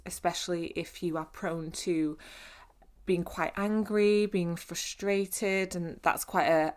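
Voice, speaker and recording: A woman speaks in a fairly low voice, as a fitness coach explaining things to her listeners. She talks in a relaxed, conversational way, encouraging and informal, often pausing on fillers and starting her sentences again. It is a podcast monologue with a chatty, down-to-earth feel.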